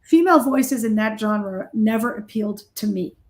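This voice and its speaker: Speaking at normal speed with a medium pitch, this woman sounds animated and slightly mellow. A middle-aged heavy metal musician, she chats casually in an interview, recounting stories in a blunt, self-deprecating style.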